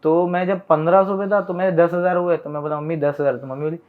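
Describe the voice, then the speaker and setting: A man's voice: on the high side, fast. Young guy telling family stories on a podcast, voices the back-and-forth, sounds like a phone line. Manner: animated retelling that acts out family dialogue. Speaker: podcast guest, content creator. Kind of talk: casual storytelling chat.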